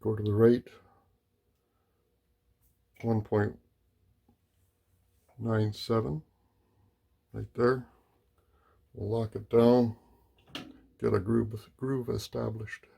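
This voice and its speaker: A man with a gravelly voice explaining machining step by step in short, casual phrases, as a machinist demonstrating at work. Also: on the low side, level tone, extremely slow, pauses often, dark tone. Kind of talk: casual hands-on shop explanation. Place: machine shop.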